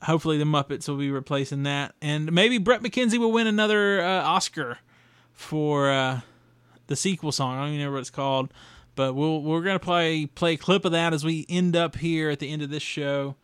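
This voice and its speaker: A young man hosts a casual solo podcast, wandering from point to point with plenty of fillers. His voice sits a bit high and sounds smooth, recorded close and dry. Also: fairly quick, a bit bright, no echo. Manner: rambling, with fillers and restarts. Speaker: podcast host.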